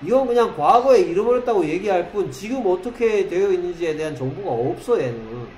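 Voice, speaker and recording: A man's voice: sits high, lively intonation, darkish tone. Man teaching English in an echoey classroom. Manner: questioning, drills students with rhetorical questions; reads English examples slowly, word by word. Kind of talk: classroom grammar lesson. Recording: echoey classroom with faint noise.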